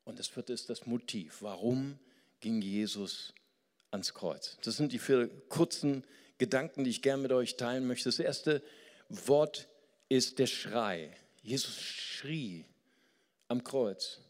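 An older preacher from the Rhineland speaks with a Rhineland German accent. His delivery swings between quiet, drawn-out passages and loud, emphatic ones. He sounds like he is in a hall with a long reverb tail. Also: medium pitch. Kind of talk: sermon.

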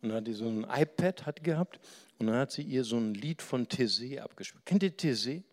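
A male preacher giving a conversational sermon, moving from soft near-whispers to loud, animated storytelling and asking the listeners questions. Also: mid-range voice, a little fast.

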